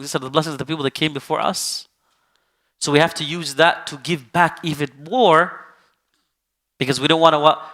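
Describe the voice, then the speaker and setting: A male Islamic teacher with a fairly high, bright, forceful voice delivers a sermon-style lesson in a conversational tone. He keeps asking rhetorical questions. Now and then he acts out the people he quotes.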